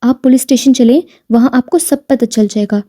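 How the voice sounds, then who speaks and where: Brief: woman voicing a smug policeman, mocking tone, mellow higher voice. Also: steady tone, no echo, clean studio sound, lightly acted. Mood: sarcastic. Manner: sarcastic, dismissive. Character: sarcastic male police officer.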